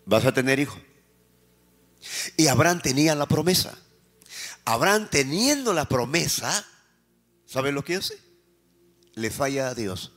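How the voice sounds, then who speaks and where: A Peruvian pastor delivers a sermon in Peruvian Spanish, firing questions at the congregation and answering them himself. He alternates between loud, emphatic lines and quiet, slowed phrases, his slightly high voice swinging widely in pitch.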